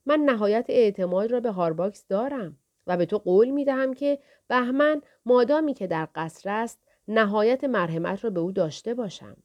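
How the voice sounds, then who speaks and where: A woman voicing an aging male king who speaks in a measured, formal and calculating way. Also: on the high side, lively intonation, muffled recording, lightly acted. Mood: composed. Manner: measured, formal royal speech.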